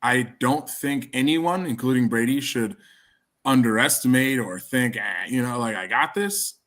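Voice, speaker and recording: A man's voice: medium pitch, a little slow, a bit bright. A man with a Wisconsin accent hosting a casual podcast chat, rambling through thoughts with frequent restarts. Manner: rambling, many restarts and fillers. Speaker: podcast host.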